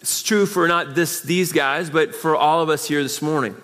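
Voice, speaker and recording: A male pastor delivers a sermon, emphatic and conversational, tossing out rhetorical questions and repeating key phrases. His voice sits a bit higher than most men's. A long reverb trails his words around the church hall. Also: steady tone, normal speed, a bit bright.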